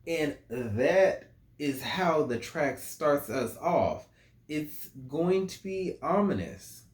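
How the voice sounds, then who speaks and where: A man breaking down a song as a music reviewer, talking it through in a casual, musing way. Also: mid-range voice. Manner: slow, musing, reads lyrics aloud. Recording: roomy, echoey room.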